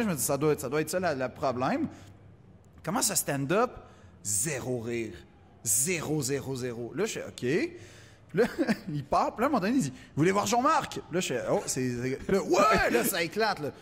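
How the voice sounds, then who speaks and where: A man's voice: high-pitched, breathy edge, long reverb tail. A man with a Québécois accent telling a stand-up story in casual chat, acting out the voices of the people in it. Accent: Québécois French. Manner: animated storyteller, acts out quotes.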